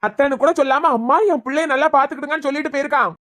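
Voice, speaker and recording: A woman's voice: high voice, very fast, fairly bright tone. A woman with a Kanyakumari Tamil accent voicing an angry young male doctor who scolds his family in a cartoon serial. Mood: scolding. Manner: scolding, demanding.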